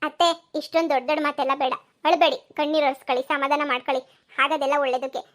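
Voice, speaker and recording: A woman's voice: sits high, fairly even intonation, very fast, natural voice. A woman voicing a kind, forgiving young daughter-in-law in a cartoon, speaking soothingly. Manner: soothing, reassuring. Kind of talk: cartoon voice acting.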